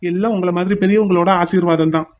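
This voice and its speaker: A man voicing a quick, humble young man. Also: high-pitched, steady tone, darkish tone, close to an everyday voice. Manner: polite, quick and modest.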